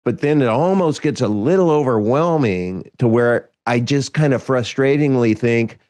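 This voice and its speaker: Animated and a bit mellow, this medium-pitched man from Kansas, United States, hosts a laid-back podcast chat at a moderate pace. He rambles, restarts his sentences and chuckles a lot, and the audio has no echo.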